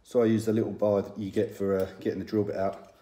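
A plain-spoken man in his thirties with a low, mellow voice gives a casual tool review straight to a phone camera, with frequent ums and restarts. The small room around him leaves a clear, roomy echo on the sound. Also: little pitch movement, fast. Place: small indoor room with shelves.

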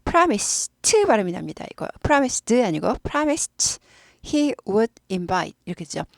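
A woman's voice: lowish voice, very animated, unhurried, gravelly, no room sound. Woman English teacher, patient, repetitive drilling, dry close sound. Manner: patient, repeats words many times for practice. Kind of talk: explaining grammar and leading repeat-after-me drills.

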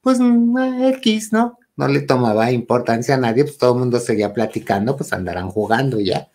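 A man with a Mexican accent tells a ghost story in a relaxed, chatty way. He talks animatedly and dips into a hushed whisper at the scary moments. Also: mid-range voice, fairly quick. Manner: animated, drops to a whisper at the spooky parts. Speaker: guest storyteller. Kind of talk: casual ghost story telling.

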